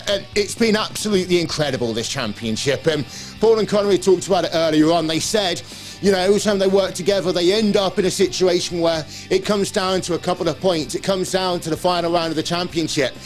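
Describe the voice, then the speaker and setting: A man's voice: high-pitched, a little fast, soft background music. A man with a British accent presenting after a race, upbeat as he reads out results and sets up interviews. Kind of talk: post-race studio presenting.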